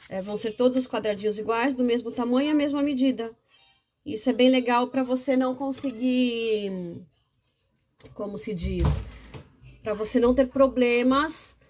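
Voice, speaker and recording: A woman's voice: a little high, a little mellow. A woman teacher with a Brazilian Portuguese accent, explaining a classroom game step by step in a patient, chatty way, often checking in with her viewers. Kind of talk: instructional video demonstration.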